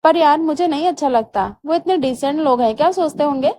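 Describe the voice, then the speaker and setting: A woman reads the part of a young newlywed husband in a storybook, stern one moment and doting the next. He scolds and coaxes by turns, in a high voice. A faint noise sits under the reading. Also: a little fast, darkish tone, lightly acted. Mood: scolding. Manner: scolding, then coaxing.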